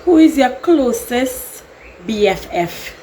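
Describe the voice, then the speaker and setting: A young Trinidadian woman with a Trinidadian accent, a YouTuber, chats casually and rambles through a get-to-know-me Q&A vlog, laughing often. Her voice is fairly high with big pitch swings and a dark tone, she takes her time, and there's a little hiss or hum.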